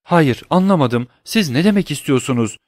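A man's voice: medium pitch, expressive, normal speed, no echo, studio quality, close to an everyday voice. A man voicing a terrified young woman in an audiobook, stammering and pleading in fear. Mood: frightened pleading. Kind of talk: audiobook reading.

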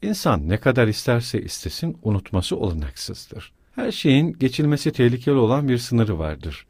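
A man's voice: medium pitch, very animated, normal speed, a little mellow, husky, dry recording, studio quality. A man reading the lines of a pompous, self-important middle-aged suitor. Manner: pompous, sententious.

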